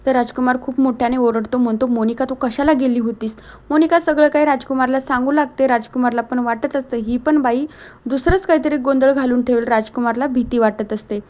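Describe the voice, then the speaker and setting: A woman with a high voice recapping a TV serial episode in a casual, chatty way. She walks through the plot step by step and strings events together with frequent connecting words. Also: a little fast, a little mellow.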